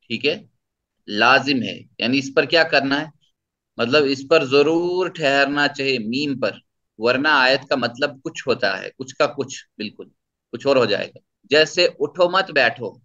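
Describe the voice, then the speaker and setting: Male tajweed teacher, patient, repeats himself; bright tone, muffled lo-fi recording. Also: medium pitch. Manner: patient, explains and repeats points. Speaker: Quran recitation teacher. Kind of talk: tajweed lesson with recitation.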